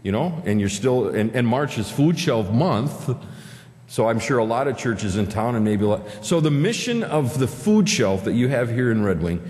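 With a medium-pitched, slightly mellow, sing-song voice at normal speed, the pastor, a man in his fifties with an Upper Midwest American accent, asks his congregation questions during a conversational sermon. He speaks into a pulpit microphone in a church sanctuary full of hall reverb.

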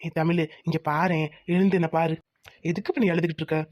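A woman voicing a gentle, devoted young village husband who works as a mechanic. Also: fairly low pitch, fairly even intonation, no echo, studio quality, lightly acted. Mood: tender. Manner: gentle, reassuring, quick talk. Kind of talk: cartoon voice acting.

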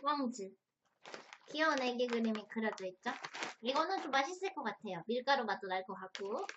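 A woman's voice: fairly high pitch, animated, a little fast, dull audio, noisy background. A woman hosting a casual mukbang review, talking as she tastes crunchy chips and snacks. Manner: tasting and eating chips and snacks while talking.

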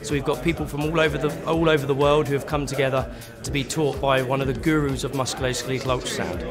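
A man's voice: mid-range voice, level tone, fast talker. Upbeat man introducing a training course. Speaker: course organiser, co-founder. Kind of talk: promotional interview. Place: indoor event venue. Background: music bed.

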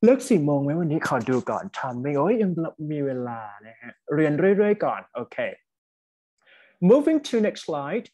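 A man's voice: fairly high pitch, big pitch swings, measured pace, dark tone. Chatty man teaching an online class. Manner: chatty and encouraging, switches between two languages mid-sentence. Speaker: university English lecturer. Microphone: computer mic on an online video class.

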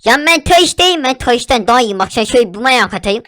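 A man's voice: very high voice, animated, fast, sharp tone, pitched above the performer's own voice, full character voice. A man voicing a bickering, cocky young male sidekick in a Minecraft gameplay role-play, teasing and arguing with his partner. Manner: teasing, argumentative.

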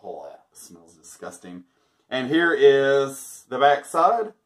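A man in his thirties speaks slowly in a medium-pitched, sing-song voice as he tests a laundry product, cracking jokes and chuckling throughout. The relaxed review was shot with a camera mic in a small room with a backdrop of stars.

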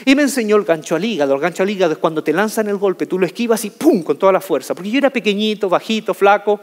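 A man telling a humorous personal story to an audience as a motivational speaker, in an animated, jokey way, stretching out key words. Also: high voice, fast talker. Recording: reverberant hall.

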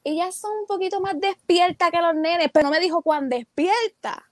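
A woman's voice: extremely high pitch, moderate pace, dry recording, clean studio sound. A young adult woman, a teacher and entrepreneur, telling stories as a guest in a casual interview and acting out her own quoted thoughts.

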